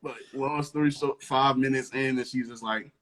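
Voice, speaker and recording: A young man, a rapper and producer, telling a casual story with animated energy and acting out the voices of the people in it. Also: medium pitch, moderate pace.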